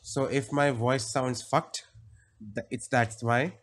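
A young man with a sore throat gives casual let's-play commentary as a gameplay streamer, chatty and full of wry jokes and asides. His medium-pitched, slightly bright voice moves slowly with little pitch change. He uses a studio mic on an arm and headphones in a small, cluttered indoor room, with game music behind him.

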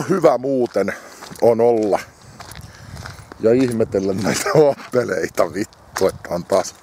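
A man's voice: lowish voice, mellow, slight background noise. A man rambling to himself and his dog on a winter morning walk outdoors, swearing heavily. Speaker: vlogger. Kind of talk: rambling walk-and-talk monologue. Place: outdoors on a village road in winter.

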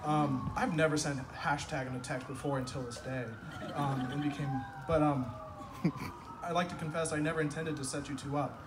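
A man's voice: a little high, fairly even intonation, normal speed. A young man giving a humorous best-man toast at a night-time garden wedding reception, telling stories in a wry, self-deprecating way and landing punchlines. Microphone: far camera across the lawn. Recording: distant phone video with ambient noise.

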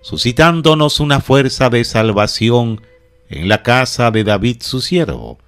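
Male prayer leader, mid-range voice, unhurried, solemn liturgical recitation in measured phrases. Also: medium pitch, expressive, fairly bright tone, clear, resonant tone.

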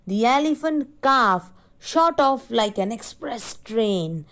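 A woman teacher reads a storybook aloud in a slow, careful way, pausing often to define words for young pupils. Her voice sits a little high, and she keeps the pace unhurried so the class can follow. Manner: slow and explanatory, stops to define words for children. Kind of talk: reading a story aloud in an English lesson.

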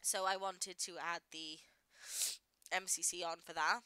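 A woman's voice: fairly low pitch, level tone, unhurried, pushed and bright, smooth, dry recording, low-quality recording. A woman, a parent, giving chatty, rambling voice-over commentary on gameplay she recorded earlier. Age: adult parent. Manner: chatty and rambling, lots of "like" and asides. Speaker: gaming YouTuber.

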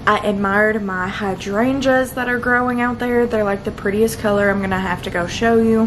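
A woman's voice: on the high side, noisy background. A young woman talking casually to the camera in her home kitchen, chatty and upbeat, laughing often. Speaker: vlogger.

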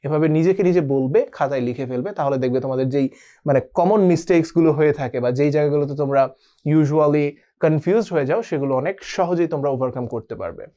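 An online spelling tutor teaches a spelling lesson, mixing English words into his talk and spelling words out letter by letter. His voice is fairly high and dark in tone, with a quick pace.

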